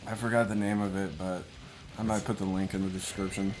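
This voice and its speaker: A man's voice: low-pitched, flat delivery, fairly quick, background noise. A young man giving casual, profane, joking co-commentary on a video game. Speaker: let's play co-commentator. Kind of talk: casual gaming banter. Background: video game music.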